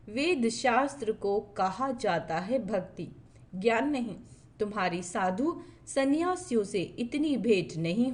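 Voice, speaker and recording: A woman reads a daily spiritual lesson aloud, her voice sitting a touch high. She keeps an unhurried, even pace and a steady, measured devotional tone throughout. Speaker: spiritual discourse reader.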